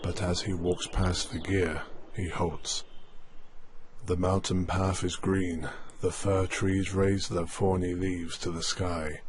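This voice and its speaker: A man reading scripted dramatic narration as a solemn, measured narrator. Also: deep voice, little pitch movement, a little hiss or hum.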